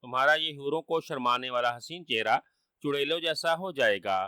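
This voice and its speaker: A man's voice: mid-range voice, bright, forceful tone, clean tone, no echo, clean studio sound, lightly acted. A man voicing a wily trickster who fakes dying, whining and sly.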